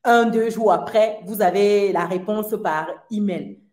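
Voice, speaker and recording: A woman telling a personal story to an audience in a lively, self-mocking way, laughing often. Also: mid-range voice, a little slow, roomy sound. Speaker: speaker addressing an audience.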